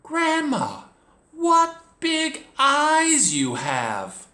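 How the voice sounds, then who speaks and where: A man voicing an excited, innocent little girl in a children's storybook play, with a singsong, drawn-out delivery. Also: very high-pitched, voice pushed up, heavily acted. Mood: amazed. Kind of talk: children's storybook readers theater. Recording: echoey room.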